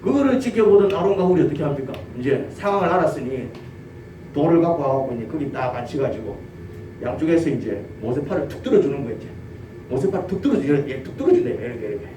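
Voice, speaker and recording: A male pastor with a Gyeongsang accent preaching a sermon, telling the story lively and asking his congregation questions. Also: fairly high pitch, fast. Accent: Gyeongsang Korean. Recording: roomy church audio from a distance, faint noise.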